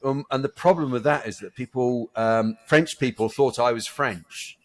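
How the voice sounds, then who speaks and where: A man's voice: medium pitch, moderate pace. A man co-hosting a podcast in casual chat, rambling and self-mocking, with lots of restarts. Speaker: podcast co-host.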